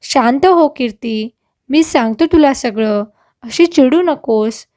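A calm, patient young husband, as a woman storyteller puts him on. He soothes in an unhurried, high voice, recorded close and dry. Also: dry recording. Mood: soothing.

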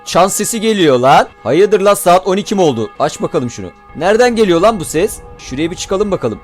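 Let's-play host: man, loud and reactive, swearing at enemies, animated pitch. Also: fairly quick, faint music behind. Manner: excitable, swearing, shouting at enemies. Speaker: gaming YouTuber.

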